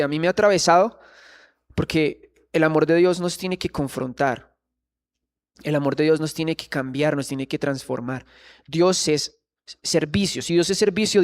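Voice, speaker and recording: A man preaching a sermon in church, earnestly questioning the congregation. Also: fairly high pitch.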